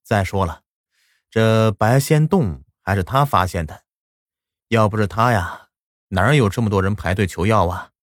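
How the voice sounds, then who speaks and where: A man voicing a timid, placating middle-aged village uncle in an audio story, speaking low and nervously. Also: lively intonation, normal speed, dry recording, studio quality.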